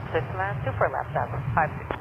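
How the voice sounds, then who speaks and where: A man speaks as a pilot over the radio, with a high voice and a gravelly edge. His calls are clipped and brisk. The radio feed is muffled and hissy behind him. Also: lively intonation. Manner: brisk, routine readbacks. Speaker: airline pilot.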